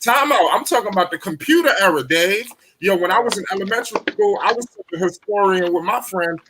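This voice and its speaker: A man in his late twenties hosting a casual sports debate, animated, swearing freely and cutting in. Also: high-pitched, fairly quick, noisy background. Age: 20s. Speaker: show host.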